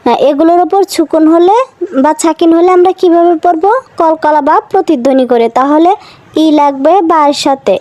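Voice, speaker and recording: A woman teaching Quran reading to children in a slow, patient lesson, spelling out each letter and vowel mark, then repeating the syllable. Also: high voice, steady tone, warm tone, no room sound, low-quality recording. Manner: asks the listeners questions and answers them herself.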